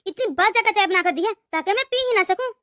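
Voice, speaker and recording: A woman's voice: extremely high pitch, animated, fast talker, a bit bright, no echo, clean studio sound. A woman voicing a harsh, bossy mother-in-law in a cartoon story, berating her daughter-in-law. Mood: accusing. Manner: scolding, berating.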